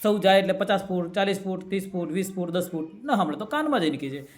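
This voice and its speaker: A man's voice: sits high, animated, quick pace. A man voicing a clever village doctor giving advice. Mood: advising.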